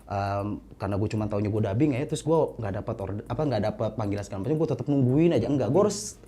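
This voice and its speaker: A man's voice: on the low side, fast, a little hiss or hum. A young man, a voice actor chatting as a guest in a casual interview, telling stories in slang. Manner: animated, chatty, slangy storytelling.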